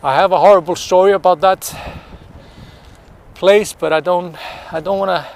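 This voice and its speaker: The speaker is an Icelandic tour guide, sniffly from the cold, giving a live-streamed walking tour outdoors by a city pond in winter wind. His voice sits high, with a darkish, steady tone and moderate pace, as he chats, greets viewers by name, and reaches for words.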